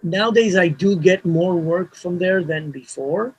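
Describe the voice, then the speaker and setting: Sitting high in pitch and slightly rough, this man's voice comes through poor audio at a measured pace. He's a Hebrew speaker and mastering engineer, chatting loosely as an interview guest, restarting thoughts and leaning on "you know."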